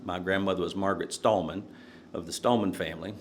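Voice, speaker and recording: Speaking fast in a low voice, this older Nashville, Tennessee man is a court candidate appearing as a podcast guest. In a casual interview he rambles through relaxed stories, stopping frequently for fillers and laughing softly along the way. There's a faint hum under the audio.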